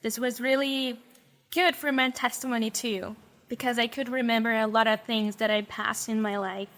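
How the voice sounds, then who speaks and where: Speaking at normal speed in a fairly high, steady and fairly bright voice, a young Brazilian interview guest recounts her faith testimony. English is her second language, her accent is Brazilian Portuguese, and she selects her words with care.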